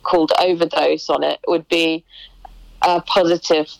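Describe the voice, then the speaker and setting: A woman's voice: sits low, level tone, measured pace, creaky, no room sound, poor audio. A young woman musician chatting in an interview, hesitant, with many restarts and ums. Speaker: musician guest. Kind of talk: casual interview chat.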